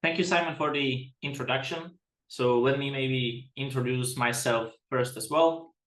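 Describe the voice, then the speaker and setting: A man's voice: mid-range voice, steady tone, a little slow, a bit bright, echoey room. A man from the Czech Republic giving a webinar presentation as a product director, chatty and self-deprecating, often restarting his sentences.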